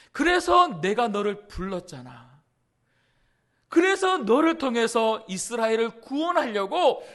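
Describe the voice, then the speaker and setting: A man's voice: very high-pitched, exaggerated voice. A man preacher voicing God, patiently reassuring a doubting man. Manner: gentle, reassuring.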